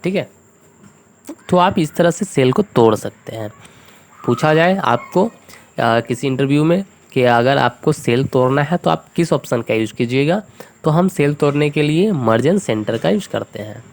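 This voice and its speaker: A man's voice: mid-range voice, expressive, measured pace, vocal fry. A man teaching a spreadsheet lesson over a screen recording. He explains each step patiently, checking in often with his listeners. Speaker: computer tutor. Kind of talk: screen-recorded software tutorial.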